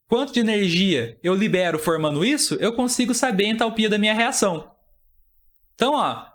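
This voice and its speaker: High-voiced male chemistry teacher. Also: a bit bright. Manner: explanatory, asks and answers his own questions. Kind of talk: exam-prep chemistry lesson.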